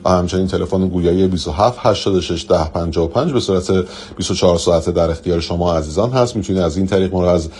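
A man's voice: deep voice, a little mellow. A man making formal, courteous station announcements as a radio announcer in a studio. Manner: smooth, courteous.

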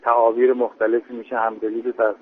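Brief: male psychologist commenting calmly, flat even tone, heard over a tinny phone line. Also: mid-range voice, slightly rough. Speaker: psychologist guest. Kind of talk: expert commentary.

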